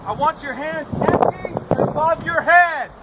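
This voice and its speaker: Man, police officer, megaphone, loud commanding orders, noisy outdoor body camera audio. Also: extremely high pitch, measured pace.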